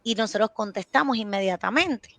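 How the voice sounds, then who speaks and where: A woman's voice: medium pitch, expressive, brisk, no echo. Puerto Rican woman psychiatrist, dry close sound. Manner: explains with everyday anecdotes and acted quotes. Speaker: child and adolescent psychiatrist. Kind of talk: casual explanatory interview talk.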